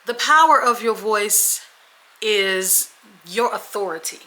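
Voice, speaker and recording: Chatty woman from washington state cohosting a talk show, bright voice, keeps saying okay and y'all. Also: medium pitch, slow, rough recording. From Washington State, USA. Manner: chatty storyteller, often checks in with "okay?" and "y'all". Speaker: podcast co-host. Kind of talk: casual chat.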